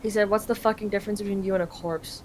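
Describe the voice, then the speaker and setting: A young adult Canadian woman talks fast in a medium-pitched voice with fairly even intonation. She's translating a game live in a casual way, reading lines aloud and paraphrasing informally. It's clearly a noisy home recording.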